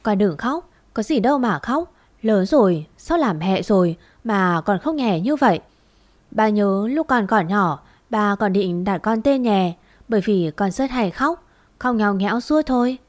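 A woman voicing an aging, gentle father who speaks slowly in a choked, pleading way. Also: mid-range voice, expressive, dry recording, natural voice. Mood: tearful.

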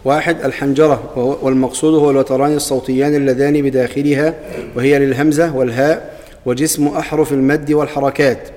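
A man's voice: mid-range voice, little pitch movement, quick pace, darkish tone, in a large hall. A man reading a lesson text aloud in formal Arabic, going through numbered points.

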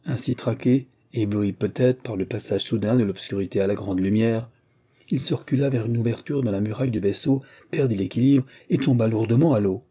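Low dark husky guy reading an audiobook, steady pace. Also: a little fast. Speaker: audiobook reader. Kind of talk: scripted narration.

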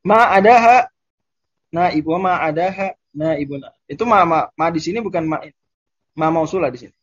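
Husky-voiced man teaching Arabic grammar. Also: fairly high pitch, muffled recording. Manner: explains casually, repeats Arabic phrases slowly, laughs at examples. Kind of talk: online Arabic grammar lesson.

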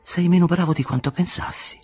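A man reading aloud voices a mocking young foreign woman with a slightly veiled, pleasantly hoarse voice, in a storybook reading. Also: sits high, fairly even intonation, brisk, a little mellow, soft background music, voice pushed up, lightly acted. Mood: teasing. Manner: mocking, playful.

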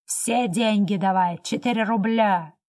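A woman reading the part of a drunk, abusive husband, giving him a hoarse voice and curt, barking demands. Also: medium pitch, unhurried, a little mellow, natural voice. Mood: gruff.

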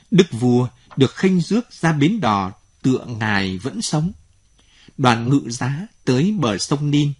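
A man reading a novel aloud in an expressive, measured way. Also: mid-range voice, breathy edge. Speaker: narrator. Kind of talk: audiobook narration.

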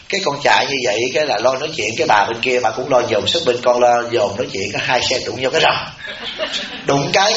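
A man with a Southern Vietnamese accent, a Buddhist abbot giving a humorous, chatty dharma talk to a retreat audience. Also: fairly high pitch. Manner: chatty storytelling, animated when quoting others. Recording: roomy, dull, noisy temple hall recording.

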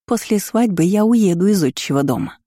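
A woman voicing a spiteful young woman who sneers and mocks in a shrill, high voice. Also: animated, a little fast, dark tone, dry recording, studio quality, close to an everyday voice. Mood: gloating.

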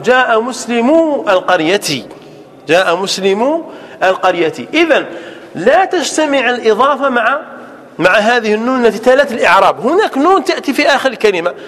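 Male grammar teacher, high voice, dictates slow repeated examples, sometimes drifting off-mic in the classroom. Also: fairly bright tone. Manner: asks rhetorical questions and repeats examples slowly.

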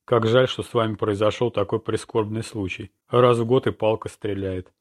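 Audiobook: male narrator voicing an older woman, cold and indifferent, low-pitched. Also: steady tone, moderate pace, natural voice. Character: cold, eerily detached old rich woman.

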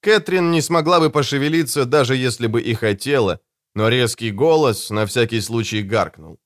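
Brief: male audiobook narrator, mid-pitched, with a very lively, animated delivery and a dry close studio sound. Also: moderate pace, no room sound. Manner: expressive, dramatic storytelling. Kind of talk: scripted narration.

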